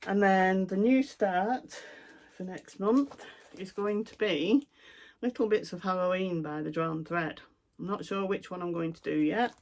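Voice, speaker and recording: A middle-aged woman from North West England, with a broad Lancashire accent, chats casually about her cross-stitch projects in a show-and-tell style. Her medium-pitched voice is darkish and a little slow, with lots of ums and asides.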